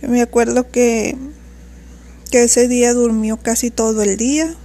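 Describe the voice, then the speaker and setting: A woman's voice: on the high side, level tone, a little slow, warm tone. A woman, telling a personal story in an earnest, reflective way. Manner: earnest, reflective, recounting at length.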